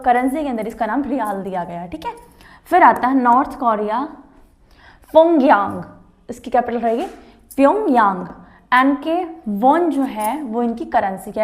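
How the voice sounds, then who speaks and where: A woman teacher giving a board lesson for exam preparation, slowly repeating names and asking students to say them back. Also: fairly high pitch, darkish tone. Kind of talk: whiteboard exam-prep lesson. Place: classroom with a board.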